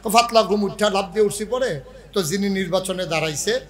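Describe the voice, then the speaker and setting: A man preaching a sermon. He acts out dialogue in rustic dialect, then builds to shouting exhortation. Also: high-pitched, fairly quick, soft background music. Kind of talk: sermon with storytelling.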